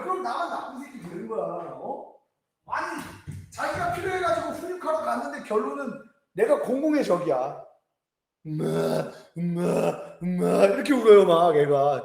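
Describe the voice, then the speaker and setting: A man in his thirties teaching a lecture, telling stories lively, joking with students and acting out voices. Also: very high voice, roomy sound. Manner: lively storytelling, acts out voices, jokes with students. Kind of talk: animated classroom lecture. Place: classroom.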